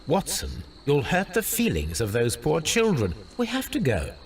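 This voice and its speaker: An actor playing a brilliant, cool-headed male detective in a video game, talking in a formal, measured way. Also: on the high side, huge pitch swings, distant mic, a little hiss or hum. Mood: calm.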